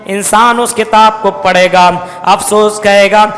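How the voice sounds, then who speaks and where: A man preaching a Quran commentary in a mosque, reciting Arabic verses slowly, then explaining them and addressing his listeners as brothers. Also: sits high, fairly even intonation, fairly bright tone, big-room sound. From India. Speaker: Islamic preacher. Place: mosque hall.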